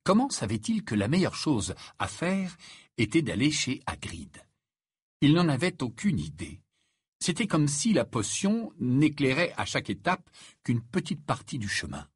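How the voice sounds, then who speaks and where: Husky, expressive audiobook narrator, man. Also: mid-range voice, measured pace, no echo, studio quality. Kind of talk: scripted narration.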